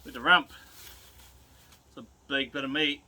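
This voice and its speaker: A man with a broad Kiwi accent hosts a hands-on demonstration in a bright, forward voice. He talks in a laid-back, colloquial way, chatting to viewers as he works. There is some background noise around him. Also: medium pitch, steady tone, normal speed. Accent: New Zealand. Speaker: host demonstrating butchery to viewers. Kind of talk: casual chat while working.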